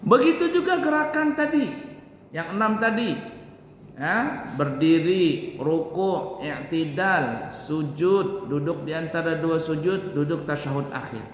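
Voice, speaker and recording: A man giving a religious lesson on prayer, slowly demonstrating recitations and explaining them in quick asides. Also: fairly high pitch, slight background noise. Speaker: religious teacher. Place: large hall at an Islamic boarding school. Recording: echoey hall with long reverb, faint ambience.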